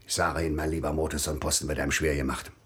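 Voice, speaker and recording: A man's voice: extremely low pitch, level tone, rapid-fire. An actor playing a pompous, self-important male village magistrate in a classic radio play, blustering and lecturing. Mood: self-pitying.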